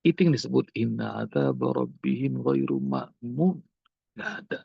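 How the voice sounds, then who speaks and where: Gravelly-voiced man telling a sermon story. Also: medium pitch, moderate pace, no echo, muffled recording. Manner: animated storytelling, acting out dialogue. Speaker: preacher.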